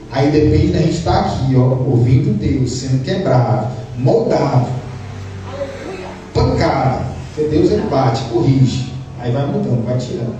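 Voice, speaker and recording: A male pastor preaching a sermon in a church hall, fervently, with rhetorical questions and repeated phrases that drop into hushed prayer. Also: medium pitch. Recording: echoey hall, voice from a distance, faint noise.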